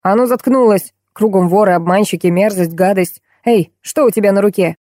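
A woman reading an audiobook voices a rude, boorish rich man who shouts and insults. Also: medium pitch, fairly quick, no echo, studio quality, close to an everyday voice. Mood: boorish, indignant.

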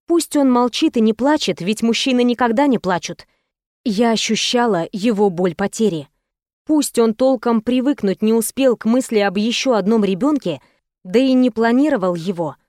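A woman narrating an audiobook in the first person with a steady, expressive reading. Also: a little high, no room sound, studio quality.

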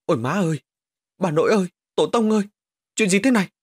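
A man playing a cocky, crude young drunkard who brags loudly. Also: big pitch swings, normal speed. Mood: panicked. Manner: boastful, then shrill and panicked.

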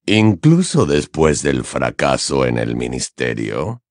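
A man voicing a calm, calculating, sardonic man in an audiobook, speaking slow, low and measured. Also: no echo, studio quality, full character voice. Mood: cold. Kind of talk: audiobook character voice.

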